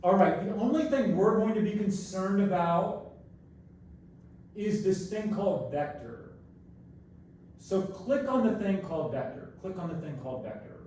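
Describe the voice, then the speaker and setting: A man's voice: high-pitched, animated, unhurried, dark tone. Man echoing as if in a tunnel. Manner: repeats each instruction several times. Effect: echoing tunnel-like sound from a distant camera mic. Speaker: college math instructor. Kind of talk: live online class teaching. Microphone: built-in camera microphone across the room. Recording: very echoey room, far from mic, faint noise.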